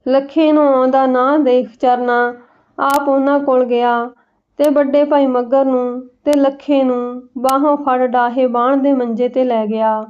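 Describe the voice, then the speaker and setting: A woman narrating an emotional village family story in a steady, feeling storybook reading. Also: sits high, smooth. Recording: dull lo-fi recording.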